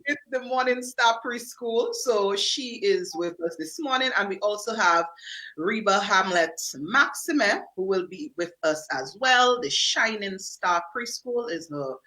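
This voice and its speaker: A woman's voice: mid-range voice, expressive, measured pace, pushed and bright, rough recording. A woman hosting a radio talk show, chatty and easygoing, often restarting her sentences. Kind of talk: casual radio chat.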